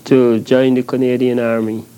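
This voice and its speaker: Flat-voiced Barbadian man answering. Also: mid-range voice, normal speed, clean tone, poor audio. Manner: brief, factual answers. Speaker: interviewee, former sleeping car porter. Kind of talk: archival oral history interview.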